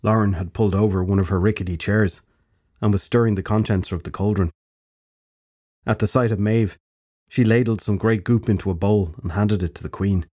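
A man narrating an audiobook fantasy story in a measured storytelling manner. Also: on the low side, steady tone, warm tone.

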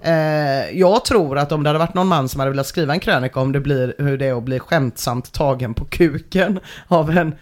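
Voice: mid-range voice, hardly any pauses. A podcast host reading forum posts aloud in casual comedic chat, with dry sarcastic asides and frequent laughter.

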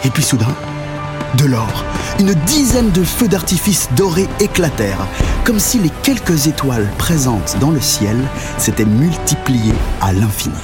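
A man reads a children's story aloud in an expressive voice. His intonation rises and falls widely and he builds up the exciting moments. A faint music bed plays behind him. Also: a little high, measured pace. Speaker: narrator.

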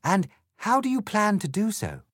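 A man puts on a full character voice, pitched above his own, to play a polite, curious young girl who speaks primly. The voice is high with wildly swooping pitch at normal speed, fairly bright, and recorded in clean studio sound with no room sound.

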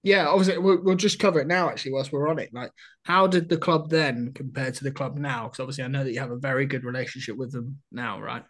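A man's voice: medium pitch, quick pace, fairly bright tone. A man hosting a casual interview, asking loose, chatty questions with fillers. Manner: informal, uses fillers like obviously and right. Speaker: podcast host.

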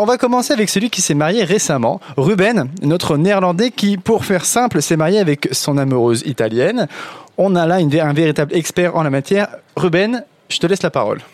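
A man's voice: sits high, no room sound. A man hosting a casual radio panel chat, playful and joking as he questions his guests. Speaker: host.

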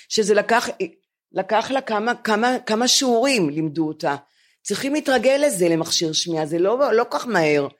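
An older woman in her seventies tells comic stories about getting old, mocking herself with animated swings in her voice. She co-hosts a chat podcast taped live in front of building residents. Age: 70s. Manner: animated, self-mocking, lively jumps in pitch. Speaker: podcast co-host.

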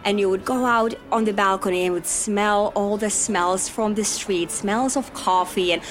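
A woman's voice: medium pitch, steady tone, normal speed, faint music behind. A woman from Finland, talking as a podcast guest in a chatty, easygoing way, often adding "right?" and "you know". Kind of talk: conversational interview.

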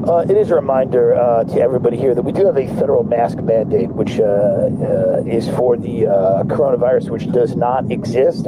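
A man playing an airline captain who makes rambling announcements over the plane's PA, in a calm announcer drawl full of uhs. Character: male airline captain ranting over cabin PA. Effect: pilot over the plane's PA. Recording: noisy clip with vehicle rumble.

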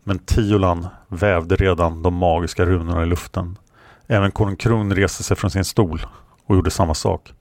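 A man reading a fantasy story aloud in a steady, measured way. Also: sits low, no echo, clean studio sound. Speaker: narrator.

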